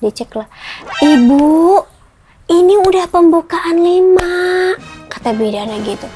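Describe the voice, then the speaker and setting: A woman's voice: extremely high pitch, animated, a little slow. A young woman telling a personal story in a vlog, emotional and tearful at times, acting out the voices of the people she quotes. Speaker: vlogger. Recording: music playing behind the voice.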